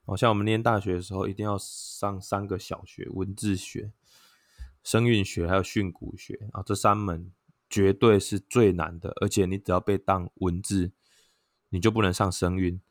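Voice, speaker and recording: Taiwanese-accented male vlogger, lowish voice, dry close sound, chatty explainer. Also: flat delivery, moderate pace, no echo. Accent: Taiwanese Mandarin. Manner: chatty, sprinkles "oh" fillers, chants tones aloud. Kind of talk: casual explanatory talk.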